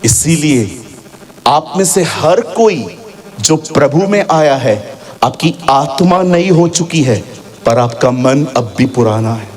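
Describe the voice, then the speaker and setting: A man preaching a sermon as a pastor in a church, animated and sometimes shouting, mixing English phrases into his talk. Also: on the high side, slow pace. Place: church hall with congregation.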